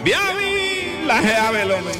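A man's voice: extremely high pitch, sing-song, slow. A man telling comic radio stories in scrambled-syllable nonsense words. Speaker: radio comedy storyteller. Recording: music playing behind the voice. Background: music.

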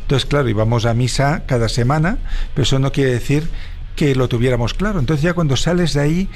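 A man from Barcelona speaks with a Spain Spanish accent as a guest author in an interview. His voice sits at a middle pitch. He talks in a relaxed, reflective way and often tags his sentences with a questioning "right?". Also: quick pace. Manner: reflective, with frequent tag questions. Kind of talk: relaxed explanatory interview talk.

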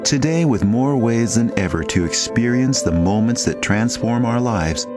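A man's voice: medium pitch, lively intonation, normal speed. A man giving scripted narration for a broadcast promo, solemn and stately. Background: loud music.

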